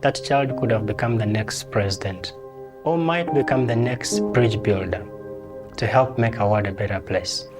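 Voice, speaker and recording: A man giving a documentary interview in measured, rhetorical statements. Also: lowish voice. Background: music.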